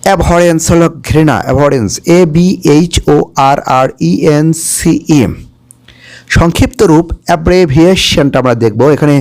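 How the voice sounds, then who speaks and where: A man gives a careful spelling lesson, sounding out each English word one letter at a time and then explaining what it means. His voice sits a little high. He keeps a patient teaching pace and stops to check that the class is following. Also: darkish tone. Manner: explains Bengali meanings, checks with "okay?".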